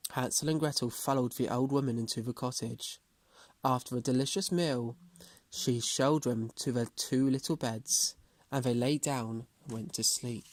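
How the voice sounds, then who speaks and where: A man's voice: medium pitch, dry recording. A man reading a children's storybook aloud as a storyteller.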